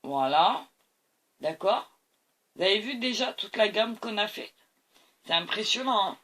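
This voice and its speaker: A woman's voice: mid-range voice, expressive, measured pace, a bit bright. A tired woman hosting a painting tutorial, talking to camera as she mixes colors and keeps praising them. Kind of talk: art demonstration talk to camera.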